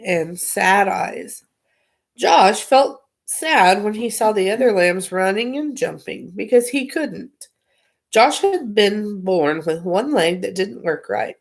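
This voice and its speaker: A woman reading a children's picture book aloud on a livestream, playful and chatty between pages. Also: medium pitch. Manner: playful, giggly, chatty asides. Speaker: storybook reader, livestream host.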